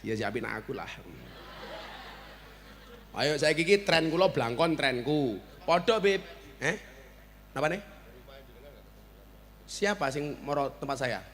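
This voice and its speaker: A Javanese-accented man gives a comic sermon in a high, bright, forceful voice. He teases the crowd, trades banter and shouts out his punchlines. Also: expressive, a little slow, long pauses. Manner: joking, banter with the audience, bursts into shouts. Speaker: preacher. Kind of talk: humorous sermon at a village gathering.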